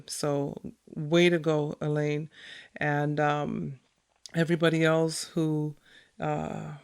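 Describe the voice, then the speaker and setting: Excited chatty woman podcast host. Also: sits low. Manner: excited, chatty, laughs often; many fillers, reads from notes. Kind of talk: solo podcast monologue.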